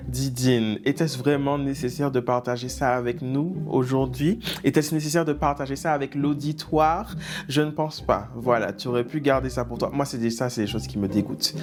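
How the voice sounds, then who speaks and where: A man's voice: mid-range voice, fairly even intonation, normal speed. A man hosting a reaction video, reading viewers' dating stories aloud with teasing, mock-outraged asides.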